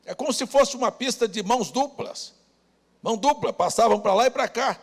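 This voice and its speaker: A man preaching a sermon as pastor, rousing the congregation with shouted calls. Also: very high-pitched, normal speed. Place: church hall. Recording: long church reverb.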